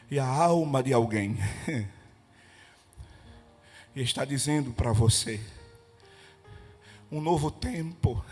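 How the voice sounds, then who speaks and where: A male evangelist from Brazil with a Pernambuco accent, preaching a Pentecostal sermon at a prayer meeting. He shouts and chants commands and breaks into speaking in tongues. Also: mid-range voice, breathy edge. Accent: Pernambuco Portuguese.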